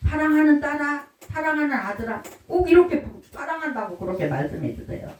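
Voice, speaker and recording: A woman's voice: sits high, big pitch swings, fairly quick. A woman preaching a sermon at a church service, in a homely way, quizzing the congregation. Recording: roomy echo, mic from far off.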